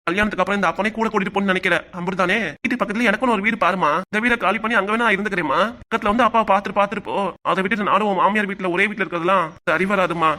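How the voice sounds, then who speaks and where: A man playing a worried older father, pleading fast. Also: high voice, steady tone, pushed and bright. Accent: Tamil, southern Tamil Nadu dialect. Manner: pleading, emotional, fast-talking.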